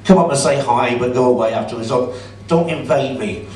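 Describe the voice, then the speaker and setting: A man's voice: medium pitch, fairly quick, darkish tone. A middle-aged man doing a stand-up comedy set in a club, chatty and sarcastic as he teases the crowd. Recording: roomy audio from a distance.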